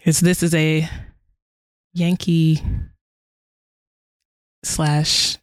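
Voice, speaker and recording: A podcast co-host from the northern United States who chats casually, laughs easily and pokes fun at themself. They lean on fillers and let sentences trail off. The voice has a middling pitch, recorded close and dry. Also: little pitch movement, drawn-out words, no room sound.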